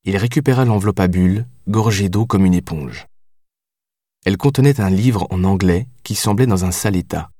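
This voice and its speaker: Low-voiced male audiobook narrator. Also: moderate pace, dark tone, dry recording, studio quality.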